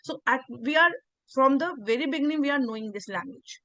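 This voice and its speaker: An earnest English teacher and channel host with an Indian accent, whose native language is Hindi, speaks in a video interview, frequently restarting sentences and repeating words. Her voice is high-pitched, pushed and bright, and fairly quick, in a dry recording.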